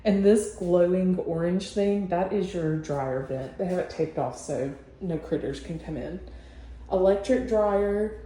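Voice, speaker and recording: A woman's voice: fairly low pitch, measured pace, mellow. A woman working as a real estate agent, giving a casual room-by-room tour of a new house in a chatty, matter-of-fact way. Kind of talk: casual home-tour walkthrough. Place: empty new-built house, indoors. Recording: echoey empty rooms with long reverb, faint hum.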